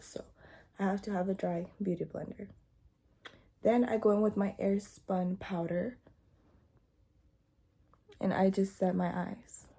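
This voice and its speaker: A young woman chatting casually through a makeup tutorial at home, talking softly and sometimes in a whisper, with a groggy morning voice. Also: lowish voice, gravelly, slight background noise. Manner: soft, hushed talk, sometimes slipping into a whisper. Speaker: beauty vlogger. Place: home, indoors. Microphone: phone front camera.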